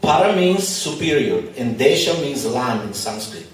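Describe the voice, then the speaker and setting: A spiritual teacher, English not his first language, speaks conversationally and with light humor to a live audience in a large expo venue. His mid-range voice swings widely in pitch at a normal speed. The hall is very echoey, he's far from the mic, and slight background noise comes through.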